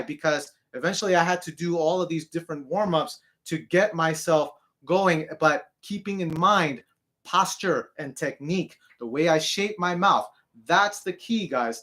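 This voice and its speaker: Here a man with a low speaking voice, slightly bright in tone, coaches a singing student. Nearly every line ends in "okay?", and he breaks into quick sung demonstrations.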